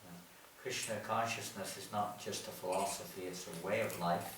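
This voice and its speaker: A man's voice: sits low, steady tone, moderate pace, noisy background. A man from England giving a lecture through a translator, jovial and teasing his audience in a large hall. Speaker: visiting speaker. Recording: echoey hall from far off.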